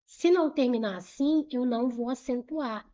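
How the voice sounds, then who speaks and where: Brisk woman teacher, dull muffled recording. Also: high voice, warm tone. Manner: didactic, repeats key points and asks rhetorical questions; brisk and urging, pushes the viewer to move on. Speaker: Portuguese grammar teacher. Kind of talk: online exam-prep grammar lesson.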